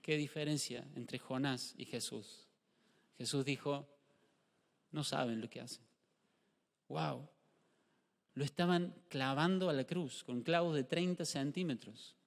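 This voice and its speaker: A middle-aged male pastor with an Argentine Spanish accent, preaching a lively sermon and asking the congregation rhetorical questions. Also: medium pitch, unhurried, vocal fry, pauses often. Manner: animated, acts out short dialogues, rhetorical questions to the congregation. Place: church hall. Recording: live church stream with long hall reverb.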